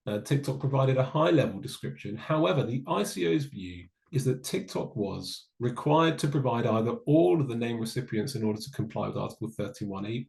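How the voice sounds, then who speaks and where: A man giving a webinar presentation, explaining in a measured way with dry asides. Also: mid-range voice, vocal fry, darkish tone, reverberant, poor audio. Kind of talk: online presentation on data law.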